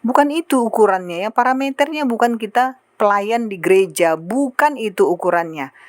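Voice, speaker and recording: A woman preaching a sermon in an animated way, acting out the prayers and remarks she quotes. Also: medium pitch, moderate pace, no room sound.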